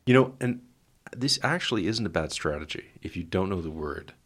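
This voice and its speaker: A man's voice: sits low, lively intonation, brisk. A man hosting a casual language lesson podcast with wry, easygoing commentary. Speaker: host.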